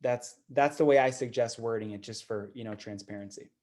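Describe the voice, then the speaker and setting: A guest speaker at an investor meeting gives a casual, conversational seminar talk, often repeating words and using fillers like "you know." His mid-range voice is fairly quick and a little mellow.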